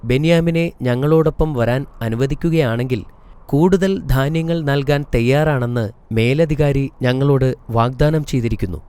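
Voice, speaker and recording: A man's voice: medium pitch, normal speed, darkish tone, smooth, close to an everyday voice. A man voicing pleading grown brothers. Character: group of pleading adult brothers.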